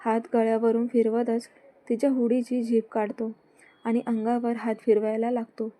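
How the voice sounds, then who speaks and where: A woman's voice: a little high, moderate pace. Woman reading a story in a level voice. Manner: plain steady reading. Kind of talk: reading a romance story aloud.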